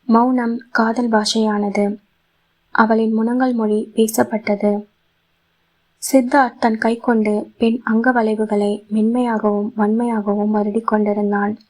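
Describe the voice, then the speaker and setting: A woman reads a romantic audio novel aloud in a soft, steady voice. Her pitch sits a little high and barely moves, keeping the narration even and calm. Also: unhurried, rough recording. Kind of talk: scripted romantic story narration.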